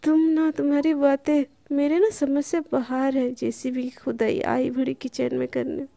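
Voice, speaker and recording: A woman's voice: sits high, little pitch movement, a little slow, creaky, mellow, no room sound. A woman voicing a touchy, pampered young woman who snaps back when teased. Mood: irritated. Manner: irritated, snappy.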